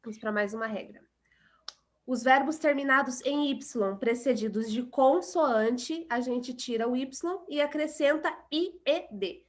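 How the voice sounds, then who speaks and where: Patient Brazilian woman teaching English. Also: high-pitched. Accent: Brazilian Portuguese. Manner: patient, repeats example words slowly. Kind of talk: online class explanation.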